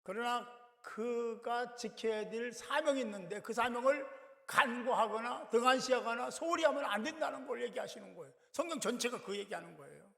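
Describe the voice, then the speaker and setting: A man's voice: very high voice, creaky, fairly bright tone, long reverb tail. A male pastor giving an emphatic sermon that swells suddenly in volume, recorded in a church sanctuary.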